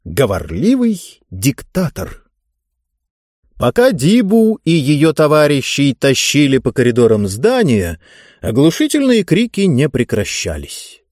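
Expressive male storybook narrator. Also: medium pitch, a little slow, dry recording, studio quality. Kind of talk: scripted audiobook narration.

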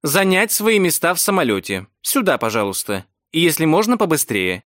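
A man voicing a bossy female flight attendant who speaks loudly and clearly, as if to a kindergarten. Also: on the high side, very animated, moderate pace, no echo, studio quality, voice pushed up. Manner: loud, clipped, schoolteacher-like.

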